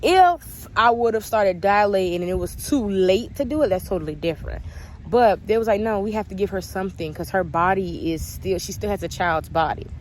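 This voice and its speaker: A woman's voice: medium pitch, expressive, brisk, slight background noise. A young woman answering viewer questions in a candid, chatty story-time vlog. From United States.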